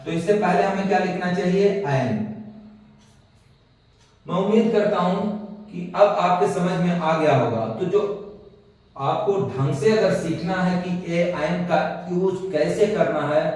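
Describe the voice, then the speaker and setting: A man's voice: high-pitched, unhurried, a little mellow. Man teaching in an echoey room. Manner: questions the class and answers himself. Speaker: coaching teacher. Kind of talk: classroom grammar lesson. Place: classroom. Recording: echoey room, mic far off.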